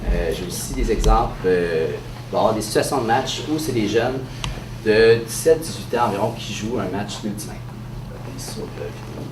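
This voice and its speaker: Male, Quebec French, low-pitched, congested with a cold, halting press-conference presenter, distant mic in an echoey room. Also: lively intonation, background noise. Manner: hesitant, halting delivery with frequent pauses. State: has a head cold. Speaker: sports association president presenting. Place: indoor room at a press event.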